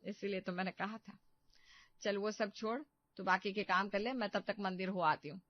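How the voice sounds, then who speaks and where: A woman's voice: medium pitch, steady tone, normal speed, muffled recording, lightly acted. A woman voicing a weary middle-aged mother-in-law who scolds, then placates. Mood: placating.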